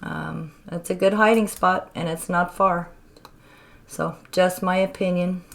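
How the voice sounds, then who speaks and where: A woman hosting a spirit box session in a casual, halting and deliberate way, explaining things and putting questions to spirits. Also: fairly low pitch, steady tone, gravelly. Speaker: spirit box session host, self-described medium. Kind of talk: casual narrated demonstration and addressing spirits.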